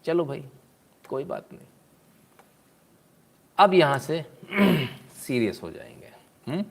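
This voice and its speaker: Male commentator, casual and sarcastic, mocking asides, throat clearing, close-mic chat. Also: on the high side, very animated, slow pace. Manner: frequent throat clearing and "hmm?". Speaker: political commentary host.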